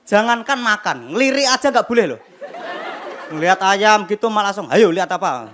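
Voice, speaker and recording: A young man performing a stand-up comedy set on a TV studio stage, telling animated stories with acted-out voices and sound effects. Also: high-pitched, normal speed. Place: television studio stage with live audience. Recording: noisy broadcast with loud crowd laughter. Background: audience laughter.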